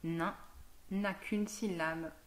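A woman teacher giving a slow, patient phonics lesson to a young child, sounding out each word and syllable clearly. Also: on the low side, fairly even intonation, a little hiss or hum.

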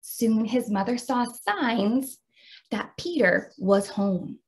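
A middle-aged woman with an American accent, explaining and reading aloud as a teacher of young children in an expressive way. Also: on the high side, slow pace. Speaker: teacher demonstrating a read-aloud.

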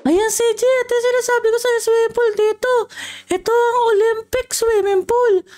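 A woman playing a chatty, playful young friend in a Minecraft role-play, with a piercingly high voice that teases and jokes. The figure has a soft spot for someone and lets it show in every line. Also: fairly even intonation, moderate pace. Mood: explaining.

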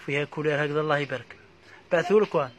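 A man with an Algerian accent giving a live sales pitch for housewares, reeling off prices in a quick patter full of repeated blessings. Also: fairly bright tone, slight background noise. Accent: Algerian Arabic. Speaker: housewares shop seller.

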